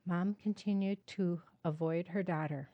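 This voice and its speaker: A woman author reading her own book aloud in a measured, earnest narration, then speaking to her viewers. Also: lowish voice, steady tone, dull audio. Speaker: author and host.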